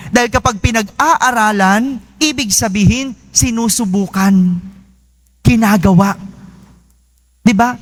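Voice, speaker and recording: A priest giving a conversational homily in a church, often asking his listeners "no?" and slowing down to stress key phrases. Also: extremely high pitch, fairly bright tone. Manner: conversational preaching with frequent "no?" tag questions.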